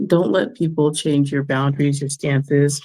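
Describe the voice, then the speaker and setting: A woman chatting casually on a livestream while doing a craft, giving gentle, reflective advice and chuckling often. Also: low voice, steady tone, measured pace. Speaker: vlogger giving life advice.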